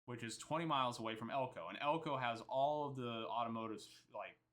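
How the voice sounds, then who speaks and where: A man's voice: mid-range voice, brisk, fairly bright tone. A man recapping a trip in casual, rambling storytelling, often quoting himself and others. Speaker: vlogger.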